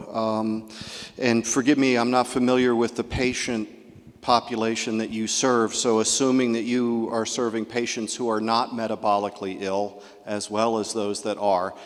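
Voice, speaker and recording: A man moderating a panel, asking questions in a polite and deferential way. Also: lowish voice. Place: large conference hall. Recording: reverberant hall.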